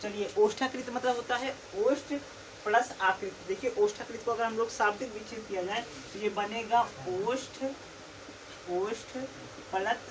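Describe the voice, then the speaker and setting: A woman's voice: on the high side, fairly even intonation, normal speed. Woman teacher quizzing her class. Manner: asks questions and answers them herself, repeats key terms. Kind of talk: recorded classroom lesson. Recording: distant mic with faint background noise.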